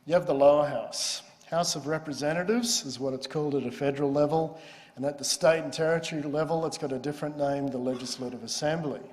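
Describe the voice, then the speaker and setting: A man's voice: medium pitch, a little mellow. Man lecturing in a reverberant hall. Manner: explanatory, conversational teaching. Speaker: law lecturer. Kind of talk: university lecture.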